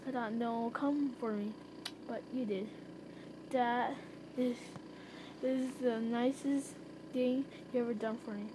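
A gentle, dying male wolf from a homemade storybook, read out by a woman, resigned to his end. The voice is soft and fairly high, close to the reader's own. It sounds like someone reading her story aloud. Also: fairly even intonation, measured pace, long pauses, noisy background, lightly acted.

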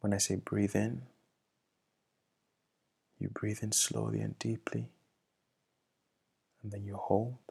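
Man, husky whisper, gravelly, slow meditation guide, hushed. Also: lowish voice, little pitch movement. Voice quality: gravelly, breathy half-whisper. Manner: slow, soft, hushed guidance.

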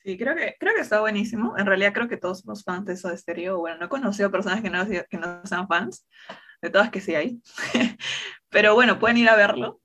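A young woman co-hosting a casual talk show, relaxed and conversational. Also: medium pitch, fairly quick. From Peru. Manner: relaxed, conversational, with many fillers. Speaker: co-host.

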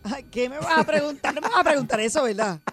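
A woman co-hosting a radio show, bashful and quick to exclaim. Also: high voice, lively intonation, a bit bright. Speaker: radio co-host. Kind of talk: casual comedic radio chat.

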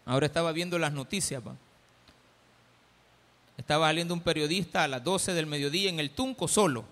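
Salvadoran male pastor, lively sermon delivery with acted-out quotes, high bright voice, echoey hall. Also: brisk. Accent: Salvadoran Spanish. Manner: animated, acts out quoted voices.

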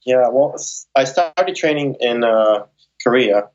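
A man's voice: medium pitch, animated, takes it slowly, darkish tone, lo-fi sound. Young man rambling with fillers. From born in Moscow, raised in Ukraine and Las Vegas. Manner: rambling, many fillers and restarts. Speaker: guest, circus straps performer. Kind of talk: casual interview answers.

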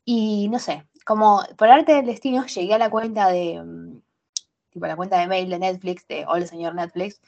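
A young woman with a Rioplatense Spanish accent, co-hosting a podcast in casual, animated chat full of slang and restarts. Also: medium pitch, moderate pace, gravelly, muffled recording. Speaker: podcast co-host.

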